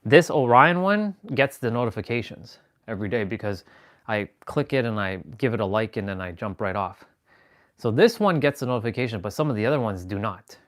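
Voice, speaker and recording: A man hosting a live stream, talking in a rambling, self-assured spiritual monologue and restarting sentences as he goes. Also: mid-range voice.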